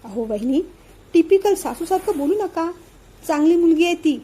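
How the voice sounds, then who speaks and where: A woman voicing a meddling, sharp-tongued middle-aged aunt who prods and scolds. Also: very high-pitched, lively intonation, moderate pace. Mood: prying.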